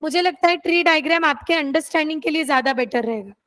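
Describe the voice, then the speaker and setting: High-voiced woman teacher dictating notes. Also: fairly bright tone. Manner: dictates slowly, checks on students. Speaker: law teacher. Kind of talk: classroom dictation. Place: classroom.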